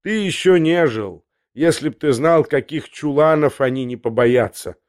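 A man's voice: fairly high pitch, moderate pace, no room sound, lightly acted. A crude young schemer talks in a pushy, sneering way, voiced by a man. The sound is dry and close to the mic. It is a storybook reading. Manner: brash, coaxing, sneering.

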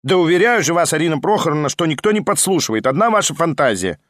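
A man voicing an irritable male guest who shouts his protests, in an audiobook reading. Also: fairly high pitch, big pitch swings, quick pace, no echo, studio quality, voice pushed up. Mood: exasperated. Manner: shouting, exasperated. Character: irritable young male pianist, loud protester.

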